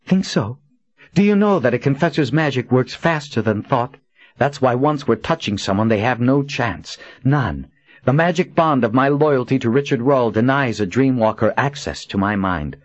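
A man voicing a fierce young queen who challenges her enemy with sharp, pointed questions in a raised voice. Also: medium pitch, lively intonation, moderate pace, no echo, muffled recording, pitched above the performer's own voice, lightly acted. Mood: defiant.

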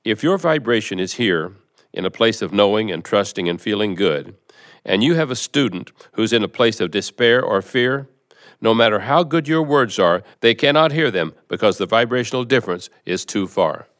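A man reading aloud the words of a spirit collective that acts as a patient teacher. He speaks in a measured, explanatory way. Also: lowish voice, expressive, fairly bright tone. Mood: soothing. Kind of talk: reading a seminar transcript aloud.

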